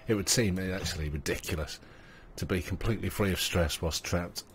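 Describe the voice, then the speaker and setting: Very deep-voiced man narrating gameplay. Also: fairly quick, a little hiss or hum. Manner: thinking aloud, rambling, many fillers, talks to his game characters. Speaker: gaming channel host. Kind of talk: let's play commentary.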